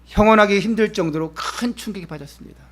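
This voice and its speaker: A pastor, a man, preaching a Sunday sermon at a church service. He asks the congregation direct questions, and his delivery swings from emphatic lines to hushed, soft phrases. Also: high voice, fast.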